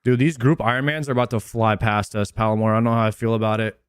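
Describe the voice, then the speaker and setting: A man's voice: lowish voice, level tone, quick pace, smooth, no echo, clean studio sound. A man chatting casually on a game livestream in hyped, slangy frat-bro talk. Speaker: game streamer. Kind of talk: casual livestream gaming chat.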